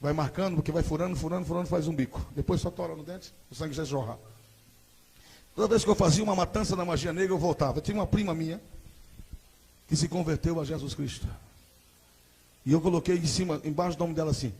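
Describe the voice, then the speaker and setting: A man with a Brazilian Portuguese accent giving a dramatic testimony sermon at a church service, rising into shouted preaching. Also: fairly high pitch, fast talker, vocal fry, long pauses, slightly rough.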